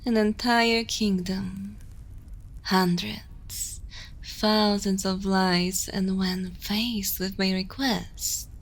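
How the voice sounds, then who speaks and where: A woman voices an evil queen, speaking with total command and at an extremely slow, deliberate pace. Her mid-range voice is seductive and menacing with a motherly edge, and she dominates the scene while often dropping into intimate whispers, ASMR-roleplay style.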